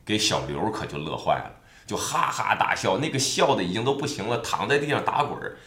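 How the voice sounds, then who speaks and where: A man's voice: lowish voice, animated, fairly quick, sharp tone. A man telling an adventure tale in a chatty, colloquial way, recorded with a roomy echo. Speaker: storyteller. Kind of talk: oral storytelling of an adventure tale.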